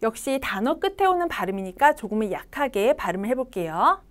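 A woman with a Korean accent teaching children English pronunciation, slowly coaching them to repeat each sound. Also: fairly high pitch. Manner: slow, lively, coaching kids to repeat sounds.

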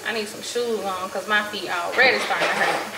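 A woman's voice: mid-range voice, a little fast. A woman in her thirties chatting casually to the camera in a family vlog, talking to viewers as y'all and joking about her chores at home. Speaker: family vlogger. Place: home kitchen, indoors. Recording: echoey room with background noise.

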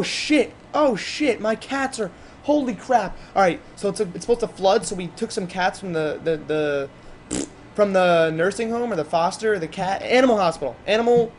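Male gameplay commentator, rambling and excitable, casual chat with viewers, slightly raised pitch. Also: slight background noise.

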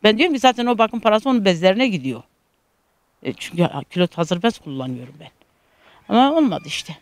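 A woman's voice: medium pitch, big pitch swings, a little fast, no room sound. A middle-aged woman from Turkey telling a news interviewer about her struggles, in an aggrieved, repetitive storytelling manner full of reported speech. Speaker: interviewee, caregiving daughter.

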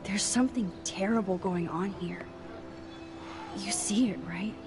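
A woman voicing a quiet, thoughtful teenage student in a video game, speaking softly and hesitantly. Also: medium pitch, a little slow, music in the background, close to an everyday voice. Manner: soft, hushed, hesitant. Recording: game audio under a livestream, with background noise.

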